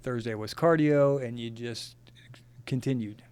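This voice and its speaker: A man's voice: mid-range voice, a little slow, a little mellow, clean tone. A man speaking as a podcast guest, plain-spoken and full of ums and uhs. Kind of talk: casual conversation.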